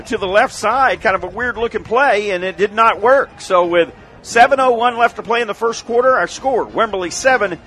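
Bright, high-voiced American football announcer, male. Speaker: play-by-play sports announcer. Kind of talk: live American high school football commentary.

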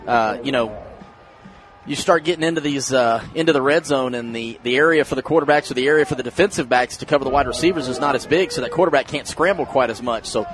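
A man's voice: medium pitch, fast talker. An American man giving conversational color commentary and analysis during a live football broadcast.

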